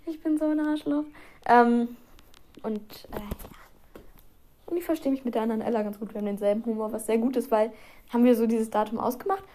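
A woman's voice: fairly high pitch, steady tone, fairly quick, long pauses, dark tone. A teenage girl hosting a casual solo podcast, rambling and self-mocking with giggly asides. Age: teens. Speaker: podcast host.

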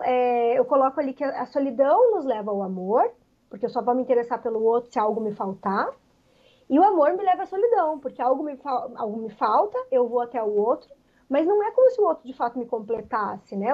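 Woman author in an interview, kinda high voice, thinks out loud, muffled dull audio. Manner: reflective, many pauses and "né" fillers. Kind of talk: interview answers.

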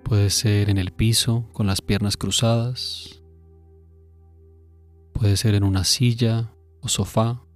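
A man with a fairly low, flat voice narrates a scripted guided meditation, measured and instructive, pausing between phrases over soft background music.

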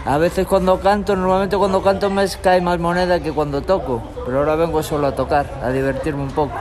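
A young man from Galicia, a street guitarist, talking in a relaxed, rambling way in an outdoor tunnel. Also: a little high, fairly quick, crowd noise. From Galicia, Spain. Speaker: street musician. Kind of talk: street interview. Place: tunnel in a city park, outdoors.

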